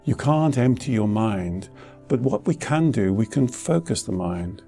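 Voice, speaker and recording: A man acting as a meditation teacher gives gentle guided instruction, unhurried and reassuring, pausing between short phrases. His medium-pitched voice is gravelly and expressive, set against soft instrumental music.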